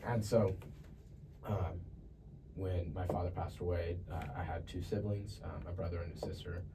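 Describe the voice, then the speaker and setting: A young man from Ethiopia, a podcast guest, sharing his life story in a relaxed, chatty way. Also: low-pitched, normal speed. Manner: relaxed and chatty, laughs easily. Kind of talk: casual testimony. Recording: distant mic with faint ambient noise.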